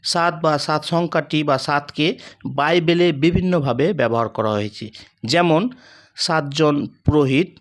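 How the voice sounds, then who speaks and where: Guy reading a sermon slow and solemn, kinda high voice. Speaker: preacher. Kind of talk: scripted devotional sermon.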